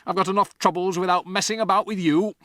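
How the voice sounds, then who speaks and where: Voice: mid-range voice, moderate pace, fairly bright tone, no echo, clean studio sound, pitched above the performer's own voice, close to an everyday voice. A storybook narrator voicing an impatient, bullying father who barks curt orders. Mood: snapping.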